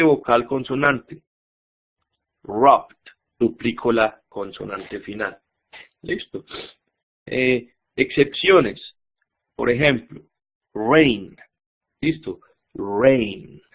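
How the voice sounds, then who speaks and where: A man's voice: medium pitch, breathy edge. A man teaching an online grammar lesson, patiently repeating words and checking in with his students. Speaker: English teacher. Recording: tinny phone-like audio.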